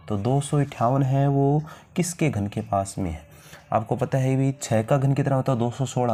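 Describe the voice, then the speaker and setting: A man's voice: medium pitch, mellow. A man teaching a math lesson step by step, asking questions to the viewer and answering them himself.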